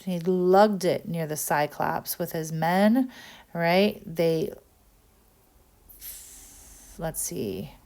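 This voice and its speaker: A woman teacher explaining a text in a recorded lesson, often pausing with "um" and checking in with "right?". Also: fairly low pitch, expressive, darkish tone.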